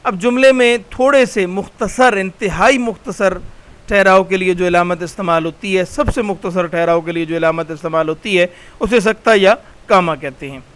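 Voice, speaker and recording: Man, Pakistani Urdu accent, slide lecture voice-over, smooth resonant tone, patient, repeats terms. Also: sits high, moderate pace, fairly bright tone. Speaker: Urdu teacher.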